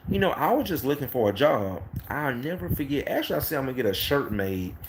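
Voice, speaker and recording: Casual vlogger, man, late 30s, mid-pitched, chatty storyteller who keeps saying "next thing you know"; recording is noisy with clicks. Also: very animated, quick pace. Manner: rambling, repeats "next thing you know", acts out quoted dialogue. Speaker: carpet cleaning business owner.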